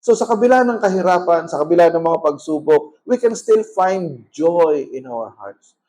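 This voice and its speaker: A male pastor with a Filipino accent preaches with a high-pitched voice. He presses his points hard, rising into loud questions to the congregation and then dropping to soft asides, all in mixed Tagalog and English. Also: lively intonation, moderate pace, slight background noise, poor audio. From Philippines. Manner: emphatic, swings between loud appeals and quiet asides, mixes Tagalog and English. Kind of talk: sermon.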